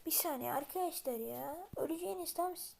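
A woman giving casual gameplay commentary, muttering to herself and then yelling in panic. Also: high-pitched, fairly quick, creaky, background noise. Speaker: gameplay video maker.

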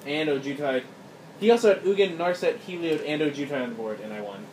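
Seated at a game table indoors, a man with a slightly high voice gives casual play commentary for his card game channel, chuckling easily with viewers. He talks quickly with lively intonation, recorded from a distance on a noisy phone in a roomy space.

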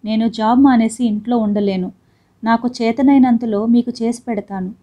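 A woman's voice: fairly high pitch, steady tone, moderate pace, close to an everyday voice. Woman voicing a defiant young wife. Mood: indignant. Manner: sharp, indignant arguing.

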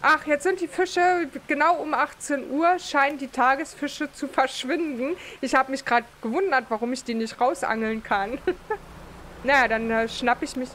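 Woman, let's play host, casual gameplay commentary, thinks aloud, fairly high voice, faint noise. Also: fairly even intonation, normal speed, a bit bright. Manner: thinks aloud with many fillers and restarts.

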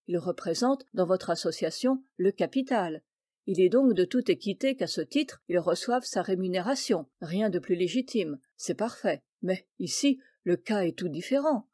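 A formal, lecturing male commissioner in a storybook reading, as a woman puts him on, measured and authoritative. Her tone is mellow and the sound dry and close. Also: fairly low pitch, expressive, breathy edge, no room sound. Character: stern middle-aged male maritime commissioner.

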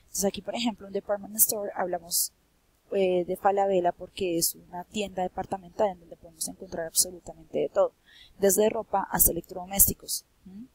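A woman's voice: medium pitch, fairly even intonation, fairly quick, mellow, breathy edge, dry recording, rough recording. A young woman from Colombia with a Bogotá accent, teaching city vocabulary in English and then explaining it again in Spanish, with her voice rising on each quiz question. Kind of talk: bilingual vocabulary lesson.

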